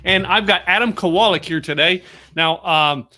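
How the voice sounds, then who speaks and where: Bright-voiced man hosting a video call. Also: sits high, moderate pace. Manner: chatty, stammers and restarts. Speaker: show host. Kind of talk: casual video-call interview.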